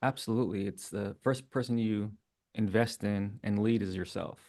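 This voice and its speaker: A man hosts a casual interview, his voice on the lower side. He affirms his guest warmly with short agreements and laughs along before asking his next question. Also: fairly even intonation, normal speed. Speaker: podcast host.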